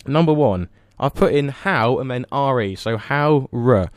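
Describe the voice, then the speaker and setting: A young man from England hosts a casual podcast, trading quick teasing jokes. His voice sits at an ordinary pitch. The sound is dry and close. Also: animated, no room sound. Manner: joking, quick teasing banter. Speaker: podcast host. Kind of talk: casual chat.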